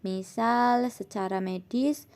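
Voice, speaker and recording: A young woman, a university student, presenting a scripted lesson in a steady reading voice that rises on her points. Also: fairly high pitch, takes it slowly. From Indonesia. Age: young adult.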